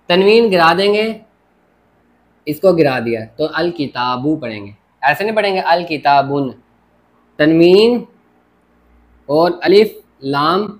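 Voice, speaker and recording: A man teaching a grammar lesson at a board, explaining step by step and often checking with "theek ho gaya". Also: on the high side. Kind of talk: classroom lecture at a board.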